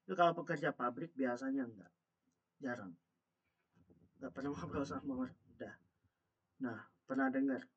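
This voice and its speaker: A man's voice: mid-range voice, moderate pace, long pauses, highs cut off. A man teaching a Mandarin vocabulary lesson. He talks patiently, repeats each word and asks his learners questions. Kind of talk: online language lesson.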